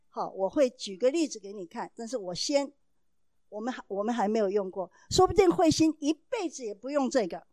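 A woman speaks to an audience about raising children, telling the story in an animated way and acting out the dialogue. Her voice sits fairly high but sounds mellow and soft-edged. The recording is dry, with almost no room sound. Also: no echo. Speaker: mother giving parenting advice.

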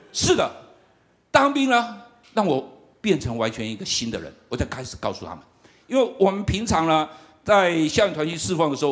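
A middle-aged man, giving a lively, humorous sermon testimony and often laughing as he tells the story. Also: sits high. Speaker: campus ministry worker.

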